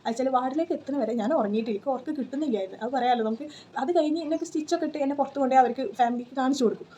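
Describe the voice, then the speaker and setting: A woman's voice: high-pitched, rapid-fire, mellow, a little hiss or hum. A woman, telling a personal story in a casual vlog, chatty with lots of fillers and "you know" tags. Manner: chatty, tags sentences with 'you know', many fillers. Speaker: vlogger.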